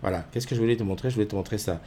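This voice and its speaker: This middle-aged streamer talks at a racing clip in a fairly low, warm voice, with slight background noise behind him. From his home desk mic with webcams, he hosts a casual morning stream, rambling through fillers and naming viewers as he greets them.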